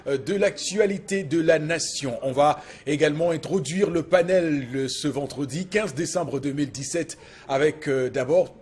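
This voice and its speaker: A man opens a morning TV talk show and introduces each guest, often pausing on fillers. His voice is husky and sits a bit high. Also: a little mellow. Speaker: TV host.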